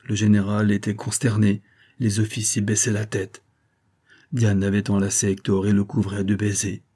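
Man narrating a classic novel as an audiobook, dark, husky voice, steady and measured. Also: on the low side.

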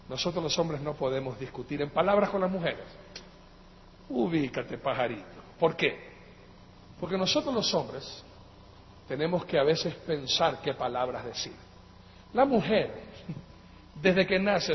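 Male preacher, Latin American accent, high-pitched, swings loud to soft, hall reverb with faint hiss. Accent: Latin American Spanish. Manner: emphatic preaching that swings between loud outbursts and quiet asides; addresses listeners as brothers. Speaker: pastor. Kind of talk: sermon. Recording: echoey hall, dull lo-fi sound, faint noise.

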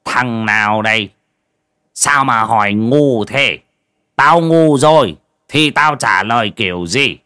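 A man's voice: medium pitch, slow pace, bright, forceful tone, smooth. A man voicing a surly old village shaman who drawls scornful insults, in a story reading. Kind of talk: storybook voice acting.

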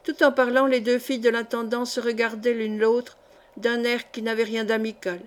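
Woman audiobook narrator, somewhat high voice, expressive literary reading. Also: normal speed. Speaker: audiobook reader.

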